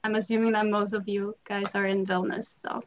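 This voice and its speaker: A woman's voice: medium pitch, flat delivery, fairly quick, slight background noise. A woman in her thirties from Taiwan, casually introducing herself to a group. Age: 30s. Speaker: participant, university worker and PhD student.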